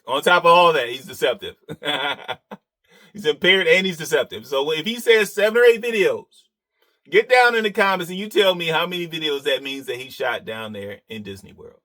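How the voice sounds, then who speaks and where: A man gives reaction commentary in a crisp, bright tone set a little high. His delivery is sarcastic and needling, punctuated by chuckles at his own digs.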